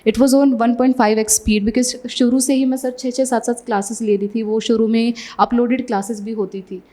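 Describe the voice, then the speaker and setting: Fast-talking young woman, soft mellow voice. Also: fairly high pitch, fairly even intonation. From Haryana, India. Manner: talks very fast; mixes English phrases into Hindi. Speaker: successful exam candidate being interviewed. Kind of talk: casual conversational interview.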